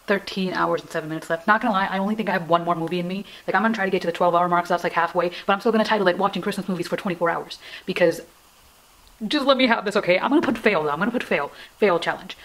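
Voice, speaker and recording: A young woman talks at a quick clip in a slightly low voice, as if filming a casual vlog at home. She rambles in a self-deprecating way, with a melodramatic, pleading streak. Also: fairly bright tone, poor audio. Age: young adult. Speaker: vlogger. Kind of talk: casual chatty challenge vlog. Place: indoors in a room at home.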